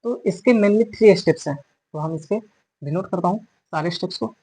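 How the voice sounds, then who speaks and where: Husky-voiced male biology teacher. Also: sits high, moderate pace, mellow, low-quality recording. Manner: repeats and corrects terms while explaining; mixes English terms into Hindi. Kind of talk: explanatory classroom lecture.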